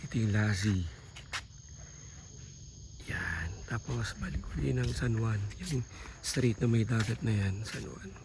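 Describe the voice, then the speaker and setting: A man walks and talks through a travel vlog on a rural island, calling out to his viewers as he points at the sights. His delivery is slow and easygoing. Crickets and passing vehicles are clearly heard around him outdoors. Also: fairly low pitch, expressive, noisy background. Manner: chatty, talks straight to viewers as "guys", points things out as he goes. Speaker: travel vlogger. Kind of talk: casual travel vlog narration.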